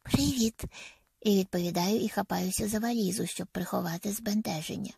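A woman narrating a first-person audiobook in a soft, intimate manner that often drops to a half-whisper. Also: mid-range voice, steady tone, brisk, gravelly, husky, no echo, clean studio sound.

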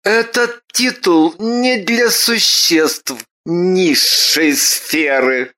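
A woman voicing a haughty, ancient male baron mage with a gruff, lowered voice, in a storybook reading. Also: extremely slow, a bit bright.

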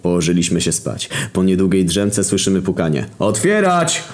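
A man's voice: low-pitched, steady tone, fairly quick, warm tone. A man narrating a crude, mocking comic story, jumping into voices for the characters.

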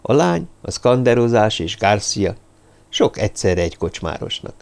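A man reading a novel aloud as an audiobook narrator, in a measured storytelling style. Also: fairly low pitch, sing-song, vocal fry, a little mellow, smooth. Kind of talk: scripted narration.

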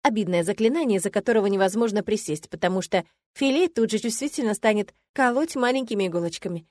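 A woman narrating a novel in the first person, in a steady audiobook reading style. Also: mid-range voice, quick pace, no room sound, clean studio sound.

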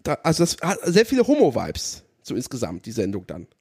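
A man's voice: mid-range voice, wildly swooping pitch, a little fast, a little mellow, slightly rough. A man in casual chat as a podcast co-host, with a teasing way of talking.

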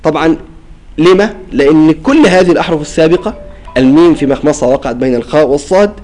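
A man's voice: fairly high pitch, quick pace, darkish tone, poor audio. A man teaching a class on Quran recitation rules, explaining and demonstrating pronunciations and often checking with the students. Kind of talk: classroom lesson on tajweed.

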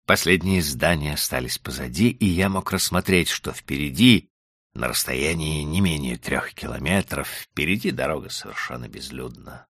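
A man's voice: rumbling low, expressive, moderate pace, a bit bright, dry recording, clean studio sound. A man narrating an audiobook in the first person, with dramatic storytelling. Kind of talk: scripted narration.

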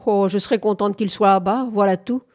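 A woman's voice: medium pitch, steady tone, fairly quick, a little mellow, pitched above the performer's own voice, natural voice. A woman voicing a dreamy young farm woman who answers absently and nonchalantly.

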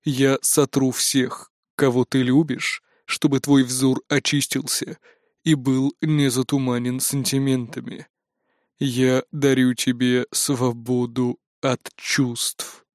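Brief: man playing a burnt-out AI, drawn-out and cold, dry close read. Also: flat delivery, dry recording, close to an everyday voice. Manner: slow, low and tired. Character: weary disillusioned male AI, cold and resigned.

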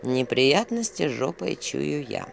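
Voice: medium pitch, sing-song, brisk, slight background noise, pitched below the performer's own voice. A reader voicing a grumpy male talking owl from a fairy tale, gloomy and wary, muttering crude remarks. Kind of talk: audiobook character voice.

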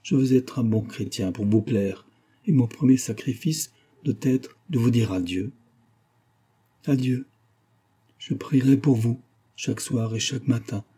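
Guy reading as a desperate lovesick gentleman, dark husky voice, pleading hard, audiobook. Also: medium pitch. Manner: passionate and pleading. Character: anguished middle-aged gentleman in love.

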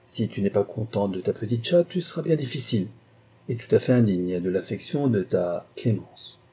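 A scheming wife with a wheedling, mocking way of putting things, as a male audiobook reader puts her on. The voice stays low and dark with a husky edge, calculating in every phrase. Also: lively intonation, normal speed. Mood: sly. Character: scheming sly wife writing a letter.

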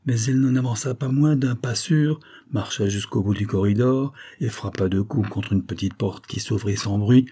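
Male audiobook narrator, measured storytelling, mellow dark tone, husky. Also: lowish voice. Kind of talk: scripted literary narration.

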